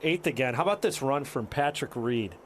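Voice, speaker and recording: A man's voice: mid-range voice, lively intonation, fairly quick. A man calling golf play-by-play as a television commentator. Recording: noisy outdoor broadcast sound.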